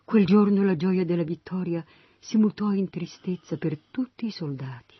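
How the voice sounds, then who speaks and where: A narrator reading a Bible story aloud in a steady storytelling manner. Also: mid-range voice, normal speed, husky, no echo, lo-fi sound.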